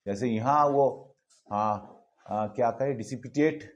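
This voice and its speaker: A man's voice: medium pitch, measured pace, muffled recording. A male physics teacher, lecturing a class in a chatty way, repeating words and asking students questions.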